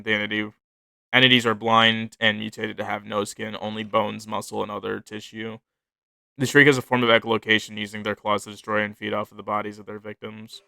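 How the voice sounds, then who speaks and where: A man with a low, fry-edged voice reads his writing aloud in casual chat. He rambles, stops to fix himself and swears without care. The sound is bright and dry, with no room around it. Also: no echo. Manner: rambling, self-correcting, swears freely. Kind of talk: casual chat, reading his own fiction notes aloud.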